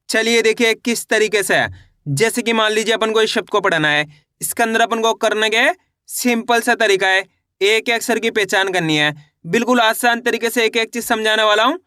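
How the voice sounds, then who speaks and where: A man teaching a reading lesson in a slow, patient way, repeating each syllable and saying the model sounds lower. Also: pushed and bright, no room sound, clean studio sound.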